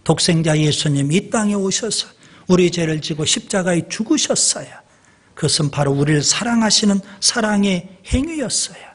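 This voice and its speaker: A male pastor preaching a sermon in a church, slow and deliberate, pausing for emphasis and addressing the congregation directly. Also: sits high, lively intonation, slightly rough.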